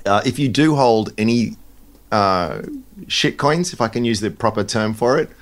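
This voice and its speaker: A man co-hosting a casual podcast chat, talking in animated bursts with mocking asides and frequent restarts. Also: on the low side, moderate pace. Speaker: podcast co-host, crypto commentator.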